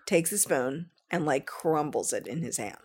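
A middle-aged woman leading a relaxed conversation as host. She answers often with short affirmations and tells easygoing family stories in between. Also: low-pitched, moderate pace, breathy edge. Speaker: interview host. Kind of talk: casual conversational interview.

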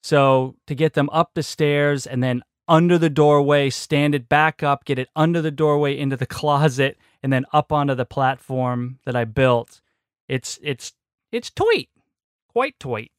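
A man's voice: on the high side, a little slow, clear, resonant tone, dry recording, studio quality. A man chatting casually as a podcast co-host from inside a small closet, rambling and chuckling with lots of fillers. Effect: recorded inside a small closet. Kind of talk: casual chat.

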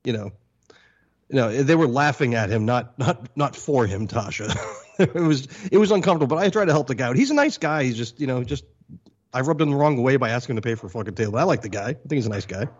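A man's voice: medium pitch, lively intonation, fast talker, husky, lo-fi sound. A man co-hosting a podcast, rambling through stories in casual chat and chuckling often. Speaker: podcast co-host.

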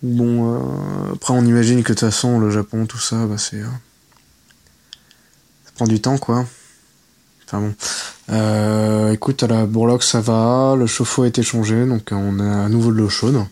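Low-voiced man leaving a hesitant voicemail. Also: level tone, moderate pace, a little mellow. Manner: hesitant, full of trailing fillers. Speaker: caller.

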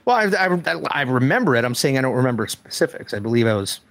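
A man's voice: medium pitch, big pitch swings, fast, a bit bright, no room sound. An easygoing man chatting on a podcast, in a mid-range voice. He sounds close and dry, with almost no room around him. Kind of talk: casual chat.

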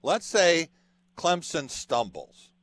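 Man, sports radio host, animated up-and-down delivery, walks through long what-if scenarios. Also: on the high side, slow pace, no echo. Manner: lays out long hypothetical scenarios. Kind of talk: radio interview.

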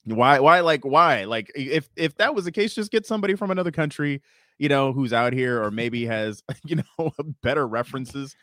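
Male stand-up guest, mid pitch, dry close mic, animated storyteller with profanity. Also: brisk, no echo. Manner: animated, profane, acts out quoted voices. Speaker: stand-up comedian, podcast guest. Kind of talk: casual storytelling chat.

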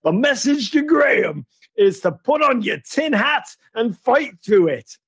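A man's voice: very high-pitched, very animated, measured pace, a bit bright, slightly rough, no room sound, clean studio sound, pitched above the performer's own voice, heavily acted. A man putting on a crap American accent to play a brash male board insider, mocking and exaggerated. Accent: put-on American.

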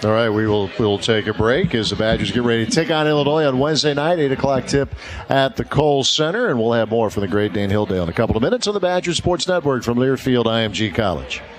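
A man's voice: medium pitch, animated, quick pace. A man with an American accent hosting a conversational sports radio broadcast.

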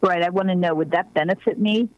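A woman's voice: fairly low pitch, quick pace, no room sound. Woman caller on a phone line, polite and earnest, muffled lo-fi sound with hum. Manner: polite, asks questions earnestly. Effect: heard over a phone line. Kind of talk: call-in conversation.

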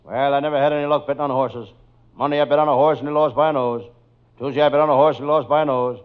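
An American actor playing an unflappable wisecracking detective in old-time radio comedy, delivering setups and punchlines. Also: male voice, a little high, fairly even intonation, racing, clear, resonant tone, close to an everyday voice. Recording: dull lo-fi old radio, loud noise.

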